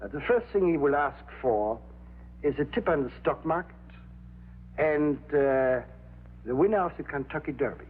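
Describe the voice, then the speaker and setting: An actor playing a con man who poses as a temperamental hypnotist professor, with grandiose, deliberate delivery in a vintage crime drama. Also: on the high side, expressive, close to an everyday voice. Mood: sly, confident. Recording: tinny band-limited old TV soundtrack, humming noise.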